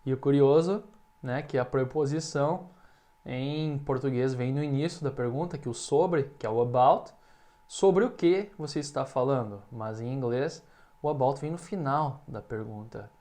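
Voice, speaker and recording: Brazilian male English teacher, patient explainer, speaks example sentences slow and clear. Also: mid-range voice, dark tone. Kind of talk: language lesson.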